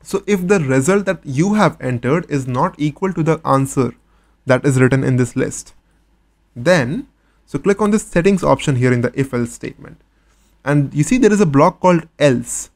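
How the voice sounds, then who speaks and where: A coding instructor leads a step-by-step, screen-recorded tutorial, patiently asking questions and then answering them himself. His voice sits on the high side and is expressive, at a normal speed.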